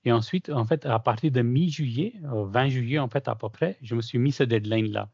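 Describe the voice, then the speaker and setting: Speaking in a gravelly, mid-range voice, a man who is a certified former trainee shares his experience in a relaxed but halting way, with many fillers and restarts. He isn't a native French speaker. This casual video call Q&A testimonial sounds muffled and lo-fi, dry with no echo.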